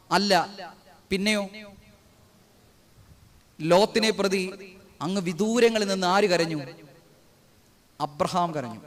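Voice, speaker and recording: High-voiced preaching priest in an echoing hall. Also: male voice. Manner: rhetorical questions answered himself, repeated refrains. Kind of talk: sermon. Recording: reverberant hall.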